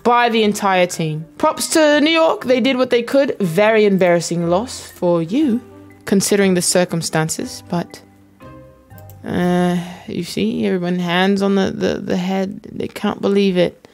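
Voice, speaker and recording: A woman's voice: mid-range voice, measured pace, faint music behind. A woman hosting her own channel, giving playful, joking commentary over basketball footage and slipping into mock slang. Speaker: host analyzing basketball footage.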